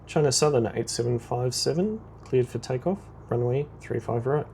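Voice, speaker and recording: A man playing air traffic controller in a simulator game, giving clipped, procedural radio commands in a creaky voice. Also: mid-range voice, moderate pace, mellow.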